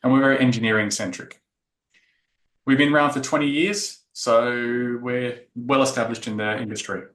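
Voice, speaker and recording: A man from Australia stands before an audience, walking them through an engineering talk at an even, mid-range pitch. His voice carries the echo of a large conference room, and he fills pauses with the odd "uh". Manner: explanatory, filler-heavy delivery. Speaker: tech talk presenter. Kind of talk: technical conference presentation.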